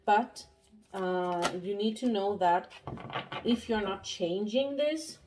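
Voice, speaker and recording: A woman's voice: medium pitch, lively intonation, noisy background. Young woman, out of breath, pregnant, casual tarot reading, lots of fillers and restarts. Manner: halting, many fillers and restarts. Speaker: tarot reader.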